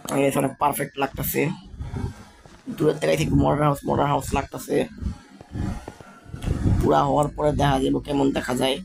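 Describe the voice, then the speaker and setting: A young man, still a school student, commenting casually on his Minecraft build in a halting, stammering way, speaking slowly on purpose. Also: mid-range voice, monotone, creaky. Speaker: gaming channel host.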